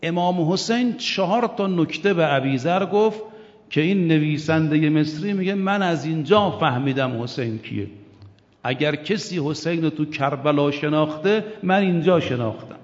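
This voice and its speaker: An older man preaches with fire, his voice set a little high, asking questions of his listeners and chanting quotations. The sound is dull and muffled, and it rings with the long echo of a big hall. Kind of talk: religious sermon.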